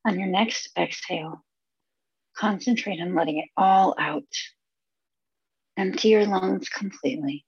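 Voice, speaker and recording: A woman guides a meditation in a soft, husky voice with a creaky edge. She is soothing and unhurried, leaving space between short phrases. The recording is close and dry, with a slightly dull sound. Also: mid-range voice, no room sound. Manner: soothing, unhurried delivery with pauses.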